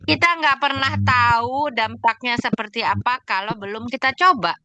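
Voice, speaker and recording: A woman doctor takes questions in an online session. She explains emphatically and lists examples one after another, in a bright, fairly high voice. The sound is dry and close. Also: normal speed, no echo, muffled recording.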